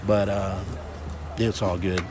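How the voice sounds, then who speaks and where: This is a chatty middle-aged man streaming a football scrimmage from the field on a phone camera, loud and full of jokes. He talks slowly in a deep, level voice while the outdoor crowd can be heard around him.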